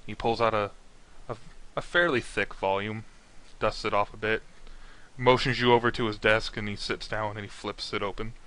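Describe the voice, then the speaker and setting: A man narrating a tabletop game as game master, casual and halting with many fillers. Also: on the low side, steady tone, bright, forceful tone.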